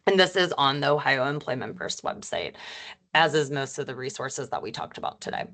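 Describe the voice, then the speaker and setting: A woman presenting a webinar as a former teacher, talking quickly and informally with lots of fillers. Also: very deep voice, animated, a bit bright. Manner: rapid, chatty, self-described auctioneer pace; friendly and informal, with frequent fillers.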